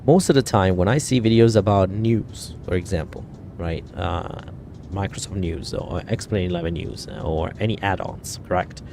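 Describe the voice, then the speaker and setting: A man from Italy with a deep voice chats casually on a flight sim live stream at a moderate pace. He rambles, uses many fillers, and corrects himself often, with background noise audible.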